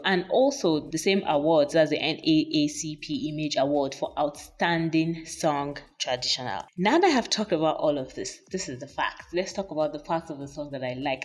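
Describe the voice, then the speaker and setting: A woman casually reviewing a song she loves, talking with gushing enthusiasm. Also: low-pitched. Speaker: music reviewer.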